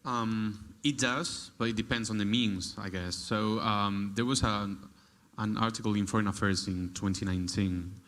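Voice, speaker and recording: A man from Spain speaking as a think tank director on a conference panel, measured and thoughtful with many pauses and fillers. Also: fairly low pitch, steady tone, a bit bright, a little hiss or hum. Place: large conference hall.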